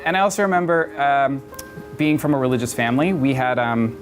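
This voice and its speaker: A man's voice: mid-range voice, brisk, over music. A young man from Georgia in the United States, a talk show guest speaking openly and chattily, with frequent fillers. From Atlanta, Georgia, United States. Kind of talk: casual talk show interview.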